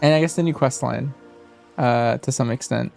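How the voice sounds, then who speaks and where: A man's voice: medium pitch, normal speed, creaky, a little mellow, soft background music. A man casually chatting with viewers and answering questions as he streams a game. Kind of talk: casual chat with stream viewers while gaming.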